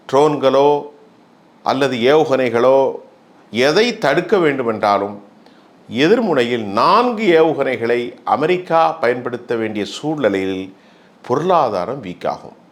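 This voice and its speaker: A man, a journalist, giving news analysis commentary, listing items in a measured, emphatic cadence. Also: fairly high pitch.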